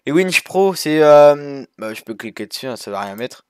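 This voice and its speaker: A man's voice: on the high side, expressive, moderate pace, slight background noise. A man casually narrating a walkthrough of a sailing game over his screen, rambling with many fillers and restarts. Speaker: gaming youtuber.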